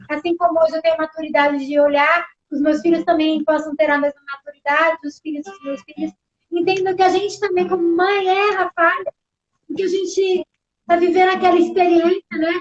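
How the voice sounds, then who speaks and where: Chatty high-voiced Brazilian woman pastor. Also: lo-fi sound. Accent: Brazilian Portuguese. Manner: chatty, tag questions, animated quoting. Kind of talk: casual church talk.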